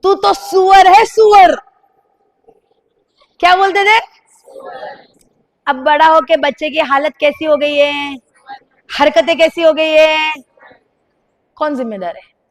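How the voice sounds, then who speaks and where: High-voiced woman preaching slowly. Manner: fervent, urges the crowd with shouted commands. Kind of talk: sermon.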